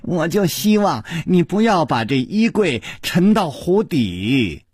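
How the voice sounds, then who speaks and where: A quick-witted young swordsman hero, voiced by a male storyteller. The tone is wry and lightly teasing, swinging up and down with lively pitch. A faint huskiness runs under it in a dry, close recording. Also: slightly rough, no room sound, exaggerated voice. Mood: pleading. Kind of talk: traditional storytelling broadcast.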